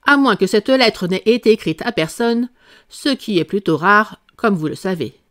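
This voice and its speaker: Woman voices blustering fairy-tale king, grave, pompous, loud. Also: mid-range voice, expressive, normal speed, close to an everyday voice. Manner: grave, pompous, prone to shouting.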